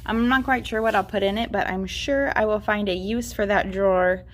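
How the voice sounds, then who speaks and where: A young woman teacher in her twenties narrates a casual vlog while setting up her classroom. Her mid-range voice holds a steady tone at a moderate pace, and she sounds upbeat, with plenty of filler words.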